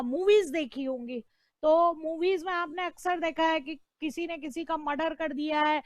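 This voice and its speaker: A woman's voice: high-pitched, fairly bright tone, no echo, studio quality. An Indian woman teaching law in an online lecture, repeating terms, asking the class questions and answering them herself. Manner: checks in with "right?" and "clear?". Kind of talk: online exam-prep lecture.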